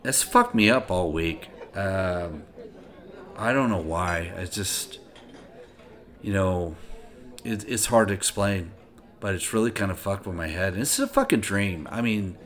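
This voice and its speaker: Casting: middle-aged male podcast host, lowish voice, rambling profane monologue. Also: measured pace. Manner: profane and rambling, animated swings between loud and quiet. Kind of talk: casual monologue.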